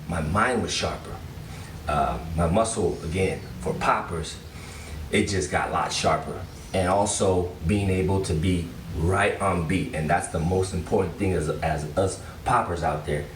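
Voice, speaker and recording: A man's voice: low voice, slight background noise. A man presenting a challenge in casual, informal vlog talk, speaking straight to his viewers. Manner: informal, addresses viewers directly. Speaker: challenge presenter, popping dancer. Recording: distant mic, echoey room, music behind.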